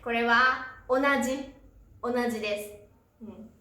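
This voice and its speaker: A woman teaching a pronunciation lesson, who says each syllable slowly and clearly and fills pauses with a soft "un". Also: a little high, steady tone. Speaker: Japanese teacher. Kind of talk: slow, deliberate pronunciation lesson. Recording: very echoey room.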